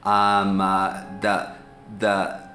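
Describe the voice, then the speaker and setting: With faint music in the background, a pastor in his forties with a Ugandan accent teaches in a very slow, lowish voice from a sofa indoors, chatting to the camera and gesturing as he repeats words mid-thought. A camera a few feet off captures a medium shot of the small room, which sounds echoey with faint hiss.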